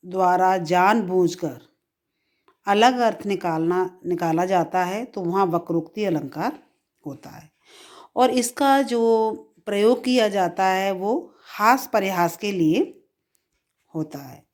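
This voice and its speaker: A middle-aged woman teaching Hindi grammar, explaining deliberately, repeating key phrases and reciting verse examples higher and louder. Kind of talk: grammar lesson.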